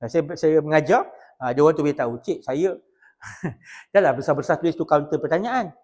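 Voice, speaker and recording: A man's voice: fairly high pitch, brisk. A man with a Malaysian Malay accent giving a customer service training class. He jokes a lot and acts out short scenes in other voices. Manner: animated, joking, switches into acted customer voices. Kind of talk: classroom lecture with acted examples.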